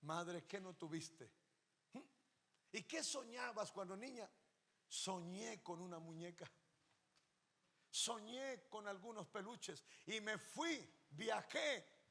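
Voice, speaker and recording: A man preaching a sermon as pastor, impassioned, moving between loud emphasis and hushed storytelling. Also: high voice, expressive, slow pace, long pauses. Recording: long reverb of a large hall.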